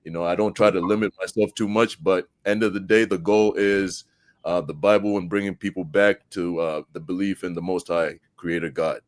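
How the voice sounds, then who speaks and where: A man's voice: sits low, normal speed, no echo. A man from Zambia, a guest debater on a live stream, talking casually with lots of fillers and restarts. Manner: relaxed, many fillers and restarts.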